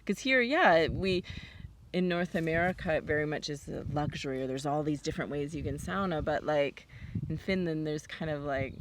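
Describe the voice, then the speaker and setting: A forest farmer with a low-sitting voice and lively intonation chats at a moderate pace in a casual outdoor interview on her farm. She uses plenty of fillers and sometimes drops to a whisper. The distant mic catches outdoor noise and passing vehicles.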